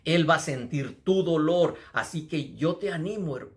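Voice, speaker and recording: A man's voice: fairly high pitch, expressive, moderate pace. A man preaching a sermon with fervent emphasis, calling his listeners "brothers" again and again.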